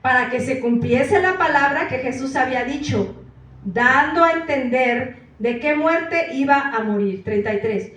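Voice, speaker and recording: A woman's voice: high voice, measured pace, a bit bright. A woman preacher in a church, reading scripture aloud verse by verse, calling out the verse numbers and asking the listeners questions. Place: church hall. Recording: echoey church hall from far off.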